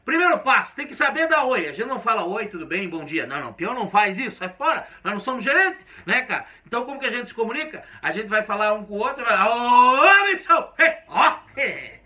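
A man's voice: high voice, very animated, fast, few pauses, sharp tone. A young Brazilian man doing a playful, slangy comic monologue to camera, teasing his listeners. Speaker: comedian.

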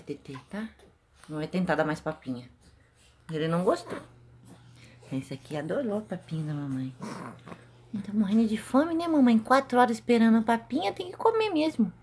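A woman's voice: mid-range voice, very animated, moderate pace, pauses often, a little mellow, slight background noise. A woman with a Brazilian Portuguese accent, a mother of twins chatting casually in a home vlog and talking sweetly to her babies.

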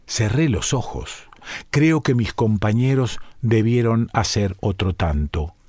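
A man narrating a story with an expressive, unhurried reading. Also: on the low side, dry recording.

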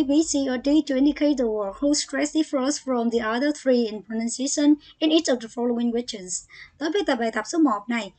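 A woman English teacher with a Vietnamese accent, talking students through vocabulary exercises and reading English words aloud between explanations. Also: high-pitched. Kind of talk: exam exercise walkthrough.

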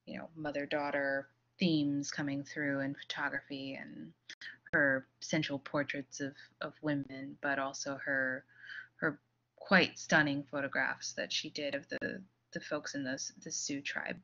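Halting low-voiced woman lecturing. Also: level tone, bright, forceful tone. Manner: halting, many fillers and restarts. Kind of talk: recorded online lecture. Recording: slightly dull audio.

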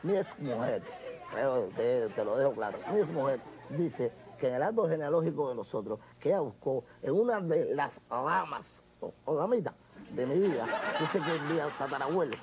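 A man's voice: medium pitch, expressive, normal speed, a little mellow, some chatter behind. A comedian in a sketch, faking a Spain Spanish while he rambles through laughing, roundabout explanations. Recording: noisy background.

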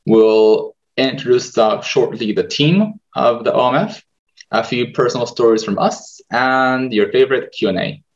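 A man, hosting a webinar over a video call in a relaxed manner with many fillers. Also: medium pitch, normal speed. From Israel. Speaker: webinar host, medical student. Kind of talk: presenting a webinar over slides. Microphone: video call webcam. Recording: dull video-call audio.

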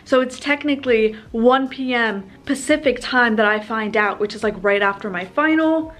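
A woman's voice: a little high, normal speed, fairly bright tone. A young woman talking casually to her camera at home in a chatty, upbeat vlog, with lots of "like" fillers. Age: young adult. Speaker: vlogger.

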